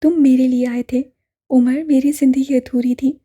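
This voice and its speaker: A woman's voice: a little high, steady tone, normal speed, warm tone, slightly rough. Woman voicing a tearful, fiercely loving mother. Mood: pleading. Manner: insistent, emotional.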